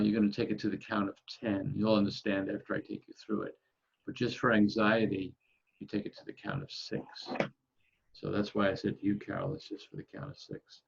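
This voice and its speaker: A man leading a breathing lesson over a video call, calmly counting the breaths aloud. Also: lowish voice, creaky, lo-fi sound, a little hiss or hum. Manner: calm, counting aloud slowly. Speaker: breathing instructor. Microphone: video call microphone.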